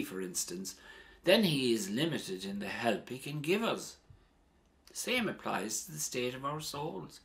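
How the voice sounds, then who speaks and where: A man, a priest, giving a sermon in an earnest, emphatic way, with strong rises and falls in pitch and loudness. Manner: earnest, measured preaching.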